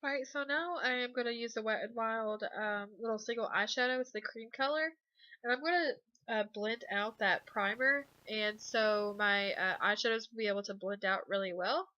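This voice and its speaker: Stuffy with a cold, a young woman narrates her makeup tutorial casually and a bit hesitantly, filling pauses with ums and uhs. Her voice is a little high and moves at normal speed. The recording is dry, with the highs cut off.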